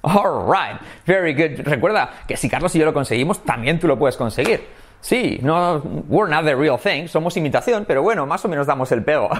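A man from Spain teaching English in a casual video lesson, lively and switching between languages with slowed, exaggerated examples. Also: a little high. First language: Spanish.

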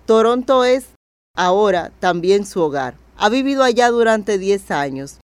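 A narrator reading a scripted documentary story in a measured, even way. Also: mid-range voice, clear, resonant tone, no echo.

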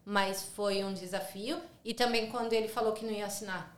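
Speaking with the accent of her hometown São Paulo, this Brazilian Portuguese-speaking podcast guest keeps the interview casual and chatty, often ending lines with tag questions. Her medium-pitched voice runs a little fast with fairly even intonation, recorded in a roomy, echoing space.

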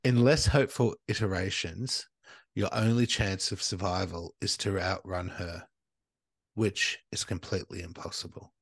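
A man's voice: sits low, steady tone, moderate pace, gravelly, slightly rough, no echo. A man co-hosting a casual podcast, reading out an urban legend and breaking into crude jokes. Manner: reads notes then jokes loudly, crude banter. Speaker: podcast co-host.

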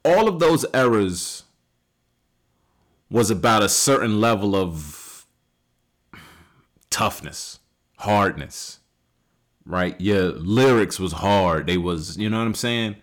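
A man in his late thirties hosting a solo podcast, talking casually and rambling with many fillers and restarts, rising loud and high when he makes a point. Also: takes it slowly, long pauses. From United States. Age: 30s. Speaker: podcast host.

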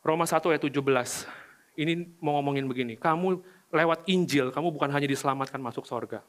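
A young man preaching a casual sermon to a youth service, animated, swinging from loud to hushed. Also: a little high, fast talker.

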